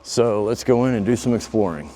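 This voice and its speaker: Hiking dad vlogger with a lowish voice, casual and amazed, echoing in a huge cave. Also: male voice, animated, a little fast, mellow, a little hiss or hum. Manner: easygoing, amazed tour-guide chatter. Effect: cave echo. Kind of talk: casual outdoor vlog narration. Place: inside a large dark undeveloped cave.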